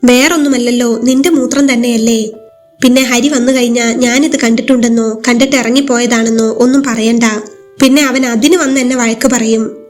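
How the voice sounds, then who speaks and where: A woman's voice: on the high side, fairly even intonation, moderate pace, a little mellow, soft background music, natural voice. A woman doing a scornful mother-in-law. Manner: mocking, disdainful.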